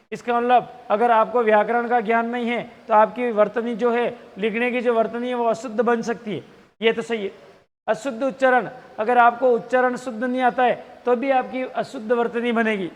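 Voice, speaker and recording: A man with a strikingly high voice teaches an exam-prep grammar lesson. He quizzes the class and reads the answer options aloud again and again. His voice rings out with a long hall reverb.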